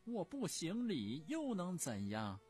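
A male storyteller voicing an imperious, furious old empress dowager who scolds in a shrill, haughty voice. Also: very animated, unhurried, faint music behind.

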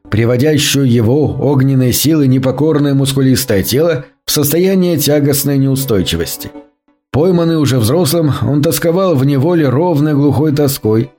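Man narrating a literary audiobook. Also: mid-range voice. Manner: steady, unhurried literary narration. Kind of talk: audiobook reading.

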